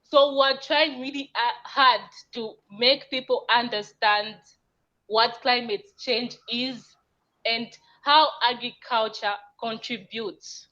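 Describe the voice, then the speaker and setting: A woman's voice: fairly high pitch, steady tone, slow, pushed and bright. A woman from Zambia, an agriculturalist, explaining her work earnestly as a guest on an online panel. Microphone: video call. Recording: dull lo-fi video call audio.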